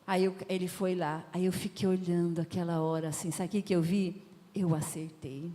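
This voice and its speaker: A woman telling family stories in an emphatic, lively preaching talk at a family conference. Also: on the low side, normal speed. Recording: long hall reverb.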